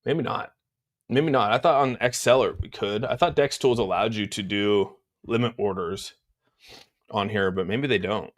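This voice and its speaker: Speaking at a moderate pace in a lowish voice, this man runs a crypto livestream from his home, chatting casually about charts and replying to viewers. His delivery is relaxed and meandering, a bit congested, with frequent "dude"s.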